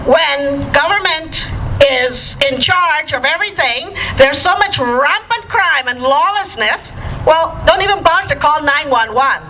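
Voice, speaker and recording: A woman's voice: high-pitched, lively intonation, a little slow, sharp tone, slight background noise, poor audio. A woman from Guyana gives an emphatic, rousing political speech outdoors at a riverfront rally, calling out to the crowd. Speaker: rally speaker.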